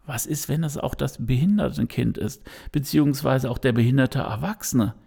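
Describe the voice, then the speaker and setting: Speaking at a normal pace, a podcast host with a medium-pitched, creaky, dark voice and a breathy edge offers his unscripted views straight to the audience. Though he hesitates constantly, filling gaps and starting over, he comes across as earnest.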